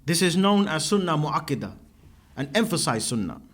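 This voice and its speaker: A man teaching a classroom lesson with a high voice and a lively, rising and falling delivery. He explains each term one at a time and keeps checking in with a questioning "yeah?". He moves about as he writes on the board. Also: normal speed. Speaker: religious teacher. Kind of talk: classroom lecture.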